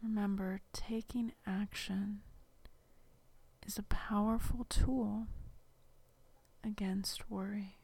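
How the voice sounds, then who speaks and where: Slow whispering woman guiding relaxation. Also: medium pitch, husky. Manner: soft unvoiced whisper throughout; calm, slow instructions with long pauses. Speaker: relaxation guide. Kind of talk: guided relaxation meditation.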